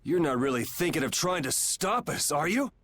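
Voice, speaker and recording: A man's voice: on the high side, very animated, normal speed, a bit bright, slight background noise. A sarcastic young swordsman hero. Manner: sarcastic, blunt. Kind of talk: video game voice acting. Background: game soundtrack.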